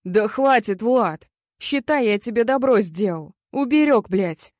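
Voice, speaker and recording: A woman's voice: a little high, animated, a little slow, darkish tone, no room sound, studio quality. A woman voicing a snarling, swearing young man in a fight. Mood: angry.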